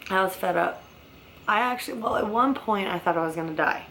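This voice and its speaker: A woman's voice: medium pitch, fairly quick, fairly bright tone, a little hiss or hum. A young woman casually telling her own story in a rambling, blunt way, swearing often.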